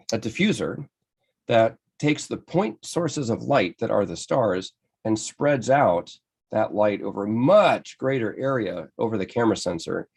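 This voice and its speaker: An American man presents a photography lecture over slides, enthusiastic and conversational. His voice sits low with gravel and a husky grain. He often stops and restarts as he explains. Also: darkish tone. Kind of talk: slide-based club lecture.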